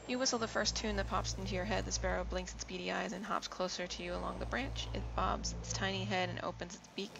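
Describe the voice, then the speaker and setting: A woman's voice: medium pitch, fairly even intonation, fast, vocal fry, few pauses, noisy background. A woman streaming a video game, reading its text aloud and adding casual asides.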